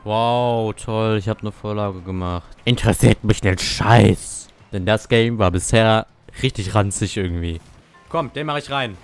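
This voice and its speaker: A man's voice: on the low side, unhurried, clear, resonant tone, soft background music. Young man ranting over a game. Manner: salty, swears and rants at teammates. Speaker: gamer. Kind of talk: casual gameplay commentary.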